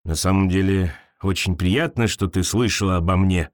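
A man putting on a low, gentle swamp creature. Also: no echo, studio quality, close to an everyday voice. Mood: wondering. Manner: slow, wondering, low-pitched. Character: naive lonely big-pawed swamp creature, gentle.

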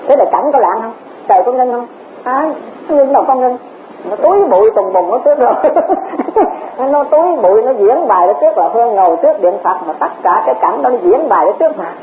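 A woman's voice: fairly high pitch, lively intonation, fast talker. Woman, Dharma teacher, repeats herself, poses rhetorical questions, tinny tape with faint hiss. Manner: repetitive, rhetorical questions, chuckles often. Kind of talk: Dharma talk.

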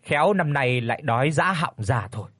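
A man voicing a worried young peasant wife who speaks in anxious, hurried pleas, in a spoken horror story. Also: medium pitch, animated, fairly bright tone, no room sound, clean studio sound.

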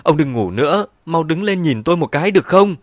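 A man's voice: medium pitch, big pitch swings, brisk, no room sound, studio quality. A man voicing a ruthless, two-faced middle-aged woman in an audiobook, switching between cold menace and false wailing. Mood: fake wailing. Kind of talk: audiobook character voice.

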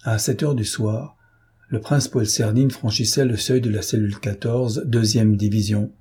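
Husky, dark-voiced male audiobook narrator. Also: fairly low pitch, steady tone, normal speed. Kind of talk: scripted narration.

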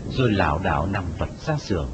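A man narrating a dramatic story in a scripted, expressive telling. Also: low-pitched, quick pace, very noisy. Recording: dull lo-fi audio with music. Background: music.

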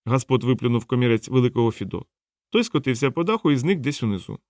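A man's voice: mid-range voice, animated, fast talker, a little mellow, no echo. Man narrating an audiobook, dry sound.

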